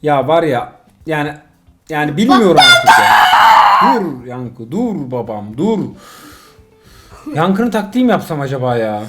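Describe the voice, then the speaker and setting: A middle-aged man, a father, playing a mobile driving game with his son and commenting casually, excitable and exasperated by turns, full of jokes. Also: on the high side, a little slow, long pauses, raised voice, loud music behind the voice.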